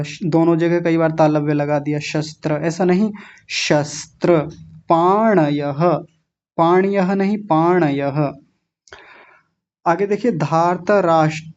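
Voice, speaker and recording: Teacher correcting students' Sanskrit recitation: very slow, deliberate modelling of sounds, muffled low-fidelity recording. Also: warm tone. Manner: slow, drawn-out syllable-by-syllable pronunciation, then quick explanations. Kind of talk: online recitation class, correcting pronunciation. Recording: dull lo-fi audio.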